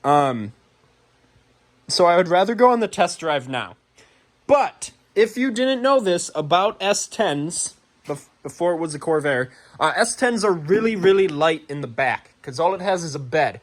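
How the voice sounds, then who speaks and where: A young man talking through his project car in a garage, chatty and excitable, with plenty of ums and little laughs at himself. His voice sits a touch high for a man. Recorded on a camera mic. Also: measured pace. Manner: chatty, self-deprecating, excitable, many fillers. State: out of breath. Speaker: car builder vlogger. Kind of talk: casual vlog narration.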